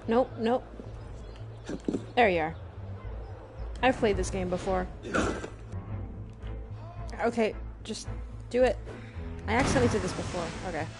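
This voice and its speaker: A woman's voice: medium pitch, a little slow, long pauses. A woman giving casual gameplay commentary as a streamer, talking to herself with self-deprecating humor and sometimes fumbling for words. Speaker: game streamer. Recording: music behind the voice. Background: game music and sounds.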